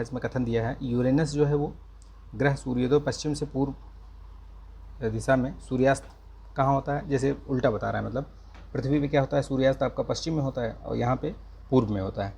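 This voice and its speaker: Slow-speaking man teaching with a gravelly voice. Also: mid-range voice, a little mellow, a little hiss or hum. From India. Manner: slow, careful speech with repeated check-ins. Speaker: exam coaching teacher. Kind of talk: casual exam-prep lecture.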